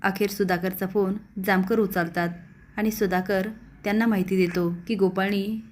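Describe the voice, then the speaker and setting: A woman's voice: mid-range voice, steady tone, moderate pace, darkish tone, a little hiss or hum. A woman narrating a recap of a television serial episode, reading the characters' lines with slightly raised force.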